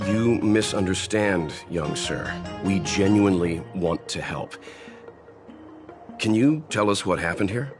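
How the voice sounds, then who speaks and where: A composed young traveler in a video game, with a very low, steady voice. He speaks calmly and politely. Light game music plays behind him. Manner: calm, measured, polite. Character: calm, reserved young male traveler. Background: faint game music.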